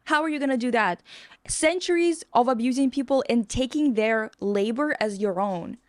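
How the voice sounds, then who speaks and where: A woman from Russia co-hosting a podcast, talking bluntly and quickly in casual chat and swearing freely. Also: fairly high pitch, no room sound, studio quality. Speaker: podcast co-host.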